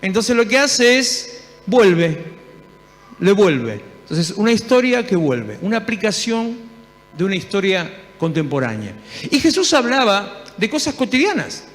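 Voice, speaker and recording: A man with an Argentine accent preaching a sermon in a church, telling stories lively and acting out the dialogue. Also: high-pitched, a little slow. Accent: Argentine Spanish. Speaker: pastor. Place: church hall. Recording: long hall reverb.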